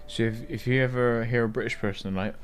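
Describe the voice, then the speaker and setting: A man's voice: medium pitch, steady tone, quick pace, soft background music. A man streaming a game, chatting casually and playfully with friends and laughing often. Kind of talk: casual gaming stream chat.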